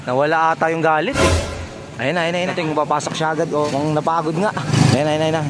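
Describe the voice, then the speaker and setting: A man's voice: on the high side, fast. Breathless man in noisy outdoor vlog. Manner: excited running commentary with frequent laughs. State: sweaty and out of breath. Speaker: pigeon fancier vlogger. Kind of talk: casual vlog commentary. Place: outdoors at a backyard pigeon loft.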